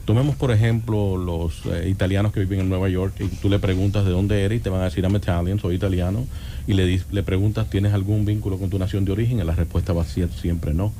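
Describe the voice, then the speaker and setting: A man's voice: sits low, fairly even intonation, fast, dark tone, slight background noise. A man from the Republic, a radio interview guest who explains his points through examples. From Dominican Republic. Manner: explanatory, builds arguments with examples. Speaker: guest analyst.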